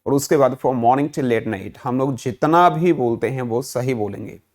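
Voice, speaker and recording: Indian guy teaching english vocab, talks real slow, keeps asking the class stuff then answering it himself. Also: medium pitch. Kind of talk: vocabulary lesson.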